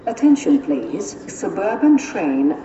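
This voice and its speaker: A woman's voice: mid-range voice, very animated, slow, a crowd in the background. Echoing female station announcer. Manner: formal, scripted, clipped phrase-by-phrase delivery. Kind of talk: public-address train announcement, like an airport announcement. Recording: dull, distant, echoing, noisy station loudspeaker.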